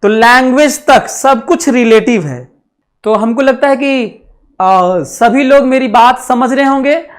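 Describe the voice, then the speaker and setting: A man's voice: very high-pitched, a little slow. A man teaching a physics lecture, repeating phrases, asking the class questions and dictating notes as he mixes English terms into his talk. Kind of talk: classroom lecture for exam students.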